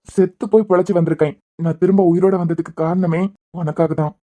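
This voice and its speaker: A woman voicing a devoted young husband who is a hospital head, speaking in a Kanyakumari Tamil accent, bantering fast and turning stern at times. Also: on the low side, dark tone, natural voice. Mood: tender, reassuring. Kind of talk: cartoon web series voice acting.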